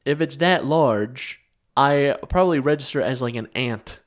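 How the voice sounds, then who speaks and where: A man's voice: medium pitch, measured pace. Rambling, swearing young man podcaster. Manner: rambling, swears casually, restarts sentences. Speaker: podcast co-host. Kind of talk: casual chat.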